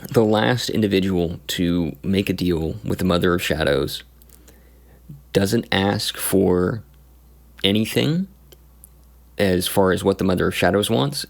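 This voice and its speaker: A man recounting his tabletop campaign as game master, in a casual, halting way with many pauses and restarts. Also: sits low, creaky. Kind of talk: casual story recap.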